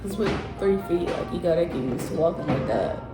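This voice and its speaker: A young woman joins a food challenge as a guest and teases the host with quick, playful comebacks. Her voice bounces around an echoey room with music playing behind it. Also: lowish voice, lively intonation. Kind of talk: casual mukbang chat.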